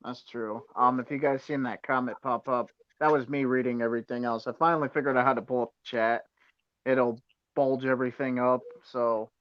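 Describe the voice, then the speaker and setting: A man's voice: medium pitch, steady tone, a little fast, dry recording. A man joining a livestream, chatting in an easygoing, self-deprecating way. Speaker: livestream guest. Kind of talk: casual chat. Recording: dry dull phone audio.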